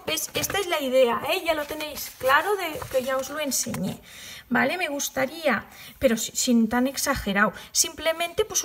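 Chatty high-voiced woman crafting. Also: a bit bright. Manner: chatty, self-mocking, trails off into whispers while working. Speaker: crochet tutorial host. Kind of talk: casual tutorial chat.

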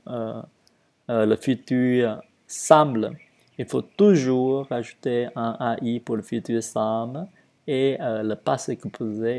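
Guy teaching real slow, lots of um, mellow dark voice. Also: medium pitch, vocal fry. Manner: hesitant, many fillers, stretches conjugation drills slowly. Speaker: French teacher. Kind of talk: relaxed spoken language lesson.

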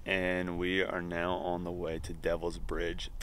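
A man's voice: low-pitched, completely flat delivery, a little slow. A young man chatting casually for a travel vlog while hiking outdoors, a little out of breath. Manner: upbeat, talking while hiking. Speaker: vlogger. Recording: faint outdoor ambience.

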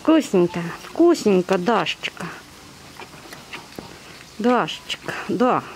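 Filming and feeding bears at the zoo, a woman coos in affectionate baby talk full of repeated words and pet diminutives, as if speaking to animals. Her medium-pitched voice is very animated and slow. The handheld camera she holds outdoors by the bear enclosures picks up slight background noise.

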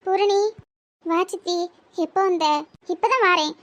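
A caring middle-aged village aunt in a cartoon comedy, voiced by a performer, asking gentle questions in a Tirunelveli Tamil accent. the voice is pitched very high and thin. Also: a little slow.

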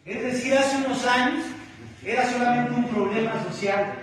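A man's voice: extremely high pitch, moderate pace. A Mexican man speaking as a sponsor at a recovery group, giving a blunt, profane, slangy talk that keeps calling out to his companions. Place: meeting room of a recovery group. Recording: echoey distant room mic with faint noise.

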